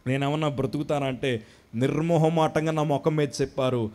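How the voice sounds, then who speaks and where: Man, fairly high voice, impassioned testimony at a live worship service on a handheld mic, from Andhra Pradesh. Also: fairly even intonation, fairly quick. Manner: impassioned, swings between hushed and loud. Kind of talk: emotional spoken testimony. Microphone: handheld microphone.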